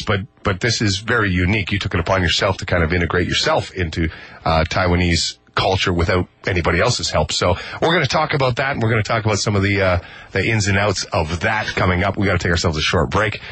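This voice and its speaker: A man's voice: low-pitched, fairly bright tone, husky, no echo. A man hosting a morning radio show, talking loosely and rambling with fillers in a studio. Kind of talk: casual radio interview. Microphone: studio microphone.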